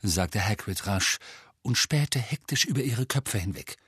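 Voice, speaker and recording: A man reading a novel aloud as an audiobook narrator, with expressive, measured storytelling. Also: on the low side, husky, dry recording, clean studio sound.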